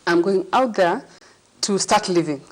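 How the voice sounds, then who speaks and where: Woman, 40s, psychologist guest, chatty, hesitant, middle pitch, studio lapel mic. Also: expressive, unhurried, poor audio. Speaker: psychologist and life coach guest. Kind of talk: studio talk show. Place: TV studio set.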